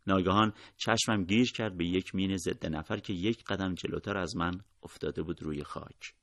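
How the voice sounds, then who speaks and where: Male audiobook narrator: somber, measured storytelling, dry close recording, very low voice. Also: a bit bright, no echo.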